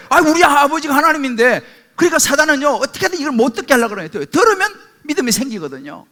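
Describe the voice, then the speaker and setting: A high-pitched middle-aged man preaching from a church pulpit, his voice bright and forceful. He keeps asking the congregation questions, pushing hard on each point. His pitch swings widely from phrase to phrase. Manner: emphatic preaching with rhetorical questions, calls for amen. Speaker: pastor. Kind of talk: sermon.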